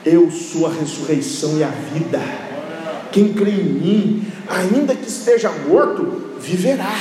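A preacher voicing a gentle, soothing Jesus. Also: male voice, sits high, lively intonation, unhurried, a crowd in the background. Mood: tender, calm. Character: gentle, patient Jesus comforting a grieving woman. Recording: echoey hall, faint background noise.

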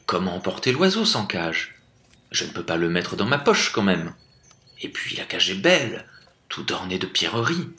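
A man's voice: big pitch swings, moderate pace, pushed and bright, heavily acted. A man voicing a naive young prince who pleads in a raised voice, in a storybook reading. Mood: musing. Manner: pleading, higher than the narration. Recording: echoey room.

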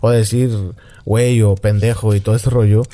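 Mellow-voiced Mexican man, dry and blunt. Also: lowish voice, little pitch movement, fairly quick. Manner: dry, opinionated, swears casually. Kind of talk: casual chat.

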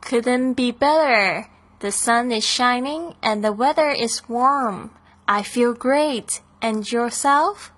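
A woman reading the part of Lily, a cheerful young woman, slowly and carefully in a language lesson. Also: a little high, fairly bright tone. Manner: slow, careful, upbeat.

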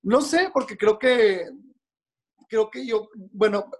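A man with a Mexican Spanish accent talks in a fairly high voice. He tells stories as a hair and makeup stylist in loose, chatty podcast style. He slips into the voices of the people in his stories as he goes. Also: slow pace. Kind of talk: casual podcast storytelling.

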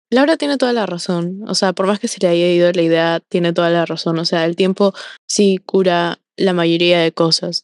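A woman co-hosting a casual podcast, talking with many pauses and fillers and slipping into English phrases. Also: medium pitch, no room sound, studio quality. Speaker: podcast co-host.

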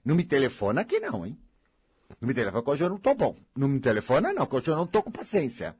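A man's voice: medium pitch, wildly swooping pitch, racing, darkish tone, breathy edge. A man with a Brazilian accent giving a blunt, theatrical, scolding talk as a counselor, now and then mocking whiny voices. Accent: Brazilian Portuguese. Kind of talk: blunt motivational monologue.

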